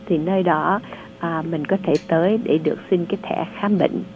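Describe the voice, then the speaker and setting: A woman advising callers on a radio call-in show, explaining benefits in a patient, measured way. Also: fairly low pitch, steady tone. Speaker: radio advisor on social services. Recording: narrow phone-like sound.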